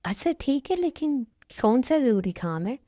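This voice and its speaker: A woman's voice: high-pitched, very animated, moderate pace, warm tone, no echo, clean studio sound. A woman voicing a sulky young wife in an amateur Hindi dubbed drama, speaking in a complaining, reproachful way.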